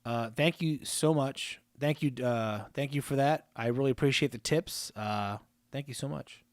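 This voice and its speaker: A man's voice: medium pitch, normal speed, no echo. A man hosting a live stream, chatting casually, joking and reading viewer comments aloud. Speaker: livestream host.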